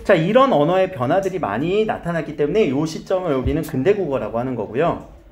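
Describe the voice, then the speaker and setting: A man teaching a high school grammar lesson, asking his students questions, coaxing answers and repeating key terms. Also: lively intonation, a little fast, darkish tone, faint music behind.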